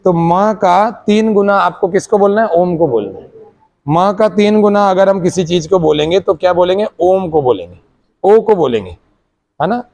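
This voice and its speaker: High-voiced man teaching a class. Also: expressive, moderate pace, creaky, darkish tone. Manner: explains step by step, checks often whether the class understood. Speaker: meditation teacher.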